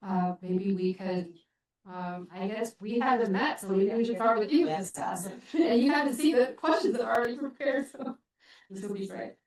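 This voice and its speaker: A woman's voice: a little high, moderate pace, darkish tone. A woman moderating a panel discussion, hesitant, with many fillers. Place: conference hall. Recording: echoey conference hall.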